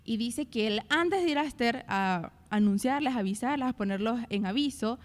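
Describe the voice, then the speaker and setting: A young woman co-hosting a Bible study podcast, retelling scripture in a lively way and acting out quoted complaints. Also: fairly high pitch, moderate pace, long reverb tail. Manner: animated, acts out quoted complaints. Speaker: co-host.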